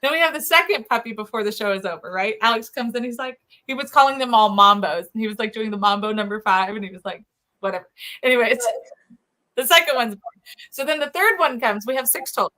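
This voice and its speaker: Bright-voiced chatty woman. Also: on the high side, quick pace. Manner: chatty, laughs often, animated retelling. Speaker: show co-host. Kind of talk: casual storytelling chat.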